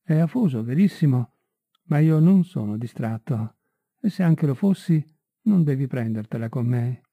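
A man voicing a pale, distracted young man who speaks in halting bursts, on a tinny, dry recording. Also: mid-range voice, animated, dry recording. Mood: distracted, tense.

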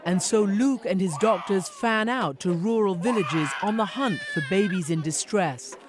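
A middle-aged woman correspondent giving a measured, earnest scripted news narration. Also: medium pitch, a crowd in the background, background noise.

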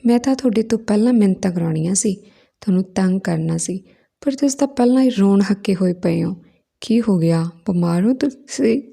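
A woman's voice: medium pitch, animated, brisk, creaky, warm tone, slightly rough. A woman voicing a playful young man who teases his sister-in-law, in a storybook reading. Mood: teasing. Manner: teasing, playful.

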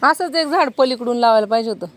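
A woman's voice: a little high, fast talker. A woman chatting casually outdoors in a garden for a family vlog, soothing a crying baby with baby talk and imitating a dog's bark. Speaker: family vlogger and mother.

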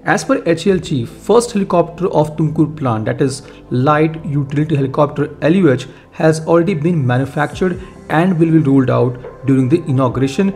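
Male news voice-over, slightly high, even scripted read over faint music. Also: brisk. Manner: steady read-aloud delivery, lists of facts. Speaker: defense news channel host. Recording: faint music bed behind voice. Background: faint background music.

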